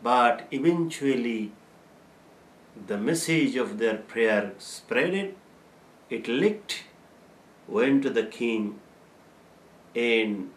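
This is a religious lesson by an older man, an Islamic teacher with a mid-range voice, who talks slowly through Quranic verses and chants the Arabic recitation between his explanations. The room is plain, bare-walled and echoey.

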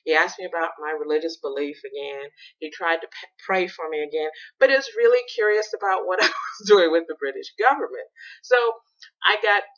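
A woman in her sixties, a podcast host, telling a story in a lively, casual way and laughing as she talks. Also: low voice, a little fast. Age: 60s. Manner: animated storyteller, laughs while talking. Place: Bradford. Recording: dull lo-fi recording.

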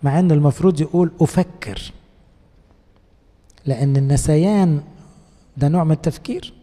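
A man's voice: a little high, brisk, mellow, in a large hall. A man with an Egyptian accent, a priest giving a conversational sermon in a coaxing, colloquial way and asking the congregation rhetorical questions. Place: church.

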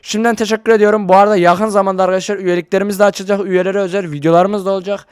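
Guy with a pretty high voice rambling to his viewers, excitable vlog chat into a desk mic. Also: racing, clean tone. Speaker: YouTuber. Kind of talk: casual vlog talk to camera. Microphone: desk microphone.

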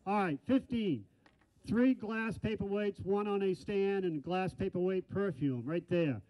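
Holding a handheld mic in a big indoor hall, an older auctioneer rattles off bids in a quick chant and drops in folksy remarks. His voice sits high with a slightly mellow quality, captured in dull, lo-fi sound.

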